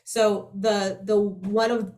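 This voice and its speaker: A woman with a nasal voice, explaining things as a voice teacher in a conversational, halting way and checking in as she goes. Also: mid-range voice, flat delivery, a little mellow. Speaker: voice teacher, co-presenter.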